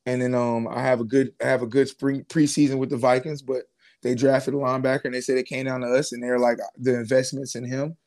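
A man's voice: mid-range voice, quick pace. A man in his twenties, a former pro football player, telling his story in a casual interview with slang and lots of fillers. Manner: relaxed, casual slang, many fillers and restarts.

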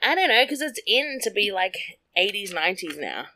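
Woman, casual gossip chat, very bright tone, blunt, filler-heavy. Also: medium pitch, very animated, normal speed. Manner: chatty, many "like" fillers, blunt.

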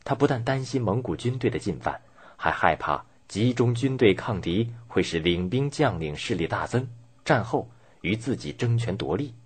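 Deep-voiced male documentary narrator, husky and dramatic. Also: expressive, normal speed. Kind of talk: scripted documentary-style history narration.

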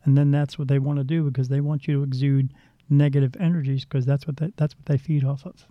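Talking fast in a level, medium-pitched voice, a psychic medium rambles bluntly through stories during a casual interview, frequently starting over. There's no room sound, and the audio is dull, lo-fi and dry.

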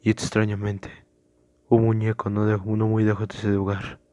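A man hosting a podcast, reading his own horror story aloud with casual, hesitant asides between measured narration. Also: fairly low pitch, completely flat delivery, warm tone, dry recording, highs cut off.

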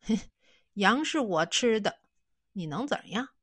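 A woman's voice: medium pitch, animated, very fast, warm tone, breathy edge, no echo, studio quality, pitched above the performer's own voice. A woman voicing a brash, mocking rich landlord in a children's story. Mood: sneering. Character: sneering rich male landlord, bullying.

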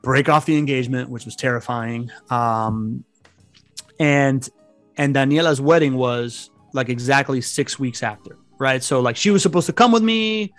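At a moderate pace and mid-range pitch, a thirtysomething guest with Venezuelan roots, who grew up outside Venezuela, rambles through casual podcast stories and restarts often. There's no echo, just faint background music.

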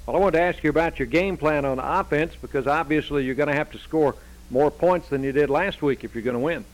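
A man's voice: on the high side, fairly quick, close to an everyday voice, rough recording. A man playing an earnest radio sports interviewer. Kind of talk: radio comedy sketch.

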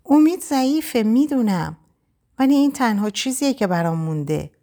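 A woman reading a frightened but stubborn young woman in an audiobook, pitched clearly higher than the narration. The voice is anxious and insistent, moving widely in pitch. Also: animated, warm tone.

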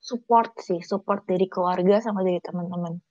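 A woman, a florist chatting casually as an interview guest, telling a story in a lively way. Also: on the low side, a little fast, dry recording. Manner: chatty storyteller, acts out quotes. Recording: dull, dry lo-fi recording.

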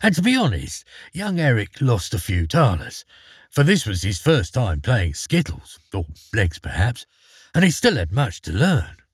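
A man narrating a fairy tale in an expressive, dramatic way. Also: mid-range voice, a little slow, husky, no room sound, studio quality. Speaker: storyteller.

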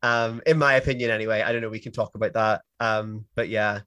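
A man's voice: lowish voice, fairly even intonation, a little fast, pushed and bright, clear, resonant tone, no room sound. A young Irish man co-hosting a podcast, rambling casually with lots of fillers. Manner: laughing, rambling with many fillers. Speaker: podcast co-host reading the news. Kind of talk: casual chat.

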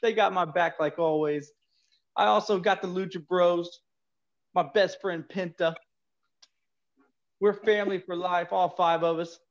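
A man's voice: high-pitched, fairly even intonation, unhurried, long pauses. A man putting on a blustering New York wrestler. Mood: brash. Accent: New York, put on. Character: male tough-guy wrestler cutting a brash promo. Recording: dull lo-fi sound.

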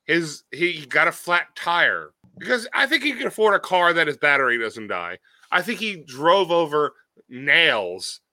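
A man chatting and riffing in a comedic podcast, acting out silly voices as he tells bits. His voice is very bright and a little high for a man. The sound is dry and close to the mic. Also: big pitch swings, unhurried, no room sound. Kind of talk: casual comedic chat.

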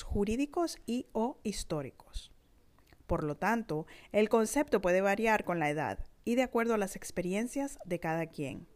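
A woman narrating a scripted, reflective text in a measured, thoughtful way. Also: medium pitch, darkish tone. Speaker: narrator reading her own reflective text.

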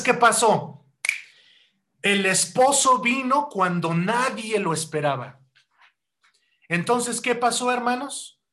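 A man preaching a sermon, asking rhetorical questions and addressing the congregation as brothers, with loud rising bursts and slow deliberate stretches. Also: sits high. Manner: rhetorical questions, keeps calling hearers "hermanos". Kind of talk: sermon teaching.

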